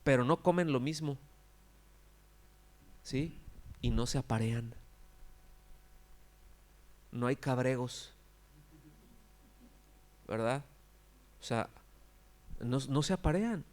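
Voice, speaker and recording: Pastor preaching conversationally. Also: male voice, medium pitch, takes it slowly, pauses often, darkish tone. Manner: conversational preaching, frequent rhetorical questions; acts out quoted characters with exaggerated cries. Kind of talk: sermon.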